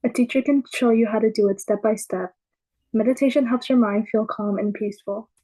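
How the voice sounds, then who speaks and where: A woman's voice: fairly high pitch, fairly even intonation, brisk, dark tone, poor audio. A woman reading a prepared lesson as a student presenter in a class. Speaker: student presenter and quiz asker.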